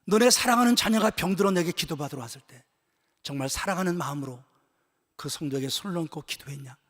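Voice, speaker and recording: A pastor putting on the voice of God, a stern and solemn male presence that speaks slow and low. The words come out husky and grave, ringing through a church hall with a long reverb tail. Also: fairly bright tone. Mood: stern rebuke.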